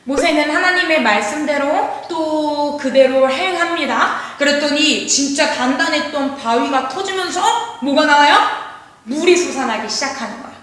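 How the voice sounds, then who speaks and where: A woman's voice: high-pitched, normal speed, fairly bright tone. A woman teaching a children's worship service, telling a Bible story animatedly and acting out the characters' voices with laughing asides. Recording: echoey room from a distance.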